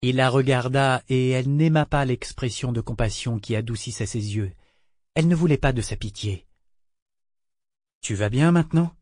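A man narrating an audiobook in a measured, steady storytelling manner. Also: mid-range voice, dry recording, studio quality. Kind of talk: scripted narration.

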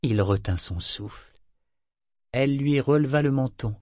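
A man reads a novel aloud in a measured, steady storytelling manner. His voice sits at a middling pitch. The recording is close and completely dry. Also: dry recording. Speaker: audiobook narrator. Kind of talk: scripted narration.

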